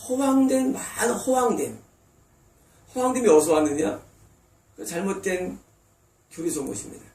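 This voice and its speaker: Pastor guy preaching, kinda high voice, acts out little quotes, faint room hum behind. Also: darkish tone. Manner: emphatic preaching, voicing God and congregants in quoted asides. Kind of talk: sermon. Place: church sanctuary. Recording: roomy distant church recording.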